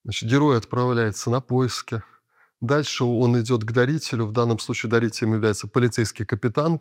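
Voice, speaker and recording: A man giving an unscripted lecture, explaining at a thoughtful pace with frequent filler pauses. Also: mid-range voice, dry recording, studio quality.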